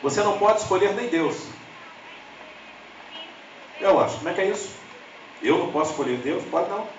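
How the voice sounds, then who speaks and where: Through a muffled recording with slight background noise, a Brazilian lay preacher with a Brazilian Portuguese accent speaks a little fast, telling funny stories directly to his congregation. He adopts lively high voices for the people he quotes, sounding slightly distant in an echoey church sanctuary.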